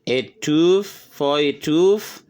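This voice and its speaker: Slow-paced man teaching vocabulary. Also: darkish tone, smooth. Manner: slow, repeats words for learners; jumps higher on English example words. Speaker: English teacher. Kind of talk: bilingual vocabulary lesson.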